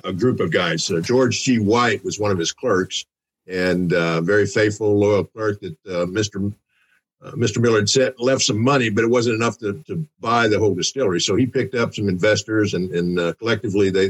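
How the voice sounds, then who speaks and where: A man, a distiller guest on a podcast, telling history in a halting way. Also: fairly low pitch, husky, rough recording. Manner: halting, many fillers and restarts. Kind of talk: casual interview talk.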